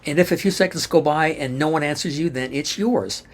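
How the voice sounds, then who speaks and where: A man with a fairly high voice narrates an instructional tutorial at a slightly quick pace. As an instructor and presenter, he works through each step methodically and spells out letters one by one.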